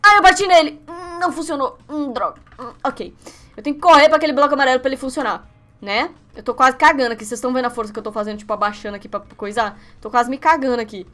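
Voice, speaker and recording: A young Brazilian woman giving let's-play commentary on her webcam setup, excitable and quick to yelp and shriek at each slip. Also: high-pitched, soft background music. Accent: Brazilian Portuguese. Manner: excitable, yelps and shrieks when failing. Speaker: gaming youtuber.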